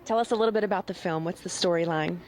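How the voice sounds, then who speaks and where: A woman's voice: lowish voice, very fast, darkish tone, rough recording. A woman interviewing on the red carpet with gushing chatter, exclaiming and reacting effusively. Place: outdoor red carpet at a film festival.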